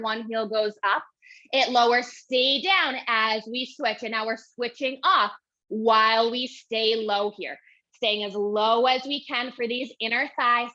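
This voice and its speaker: A young woman Pilates instructor leads a guided workout, counting reps and cueing moves while exercising, short of breath. Her fairly high voice sounds pushed and bright, captured on dull lo-fi audio.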